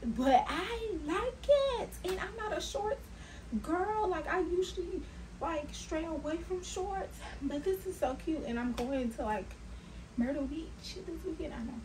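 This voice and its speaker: A young woman, chatting excitedly to her viewers as she shows off her clothing haul. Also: extremely high pitch, measured pace, noisy background. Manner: chatty, hyped, talks straight to viewers. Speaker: fashion vlogger. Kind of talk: casual haul vlog.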